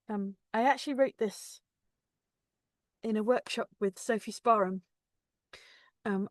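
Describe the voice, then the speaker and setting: Woman, poet, slow measured reading, rhythmic, casual asides, dry close sound, video call. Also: mid-range voice, no room sound. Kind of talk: poetry reading with spoken introductions. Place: home, online video call.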